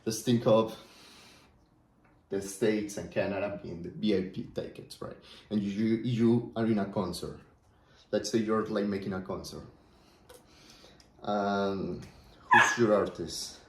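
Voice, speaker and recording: With a lowish voice, an unhurried pace and long pauses, a man from Colombia muses casually about his business plans, often checking in with "right?" He's a native Spanish speaker with a Colombian accent who vlogs as a small business owner, and the audio carries a roomy echo.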